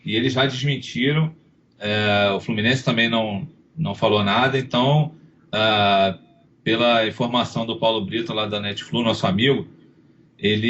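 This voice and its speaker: A man's voice: medium pitch, a bit bright. A hesitant man who restarts his sentences often, speaking as a panelist on a casual football chat show. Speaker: podcast panelist. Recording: dull lo-fi sound with faint hiss.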